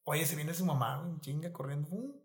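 A man tells stories in casual chat. His voice sits high, and he talks in an animated, slangy way, acting out what people said. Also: fast. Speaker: podcast guest. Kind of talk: casual storytelling.

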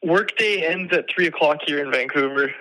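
A sharp-voiced man on speakerphone. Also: fairly high pitch, normal speed, no echo, low-quality recording. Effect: heard over a speakerphone call. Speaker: impromptu podcast guest. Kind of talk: casual banter.

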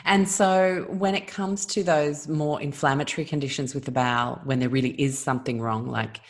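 Woman host with a really deep voice, asking careful questions with lots of ums. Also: steady tone, moderate pace. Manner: thoughtful, hesitant phrasing. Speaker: podcast host. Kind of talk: interview questions.

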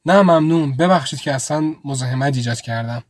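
A timid young woman traveler pleads softly and politely for help, her words hesitant and full of apology, as a male storyteller reads her part. The voice sits in a middling register and keeps an even, gentle delivery. It is close and dry, with no room around it. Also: medium pitch, no room sound, natural voice. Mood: apologetic. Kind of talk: audio story reading.

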